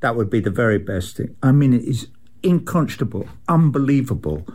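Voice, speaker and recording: A man's voice: mid-range voice, expressive, a little fast, a little mellow. Angry older man. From England. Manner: angry, emphatic, mocking, swearing. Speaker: musician giving a video statement. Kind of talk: impassioned video statement.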